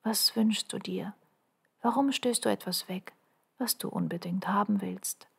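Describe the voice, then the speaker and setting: Woman, husky voice, gravelly edge, earnest first-person narration, soft half-whispers, urgent questions to the listener. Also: mid-range voice, a little slow. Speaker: narrator reading her own text.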